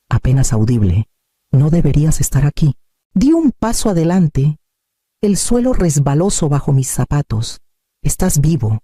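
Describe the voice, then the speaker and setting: Male storyteller, very dark tone, dry close sound, steady and measured delivery. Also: medium pitch, no echo. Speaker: narrator. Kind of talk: scripted first-person narration.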